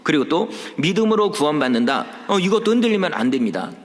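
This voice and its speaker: A male pastor delivers a lively sermon, his slightly high voice rising and falling dramatically. He poses rhetorical questions and acts out the voices he quotes. The sound carries a long reverb from the church hall. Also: quick pace. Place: church sanctuary.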